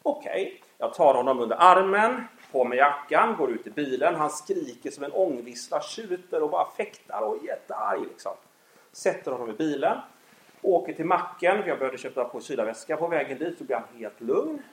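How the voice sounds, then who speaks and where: Guy telling a faith story, super animated, bit high, echoey room. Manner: animated storytelling, acts out scenes. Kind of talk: faith talk with personal story.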